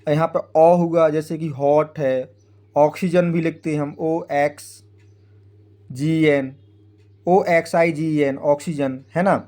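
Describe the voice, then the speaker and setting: Male phonics teacher, slightly high, mellow voice, patient and repetitive, spells out letters. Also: fairly even intonation, slow pace. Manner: frequent tag "है ना" checking with the viewer. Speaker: English teacher. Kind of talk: Hindi-language English phonics lesson.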